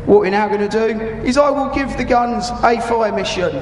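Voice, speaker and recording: A man's voice: high voice, moderate pace. A British man in his thirties giving live, explanatory commentary to spectators at a military display, in informal language over a public address microphone. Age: 30s. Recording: echoey arena PA, crowd and noise.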